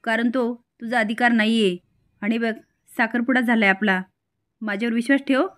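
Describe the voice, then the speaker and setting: A man's voice: extremely high pitch, fairly even intonation, normal speed, a bit bright, clear, resonant tone. A woman voicing a torn young husband. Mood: troubled. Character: young husband torn between two women.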